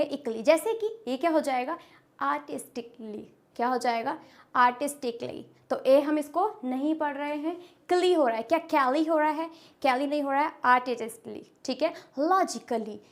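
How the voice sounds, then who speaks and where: A young woman, an English trainer teaching pronunciation. She asks questions and answers them herself, repeating each word. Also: high-pitched. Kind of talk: spoken English lesson.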